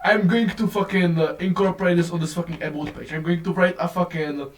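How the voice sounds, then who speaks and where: A man's fairly high voice rants on in a casual, profane, rambling way. It sounds like a low-quality phone recording, with the speaker set some way off from the mic. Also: fairly even intonation, brisk, far from the mic. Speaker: vlogger. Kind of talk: casual rant to camera.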